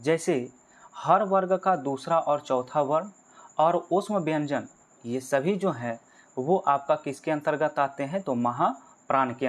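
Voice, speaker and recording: Calling his viewers friends, this fairly high-voiced man teaches grammar to exam takers, breaking each point into steps and repeating what matters most. He often poses a question and supplies the answer himself.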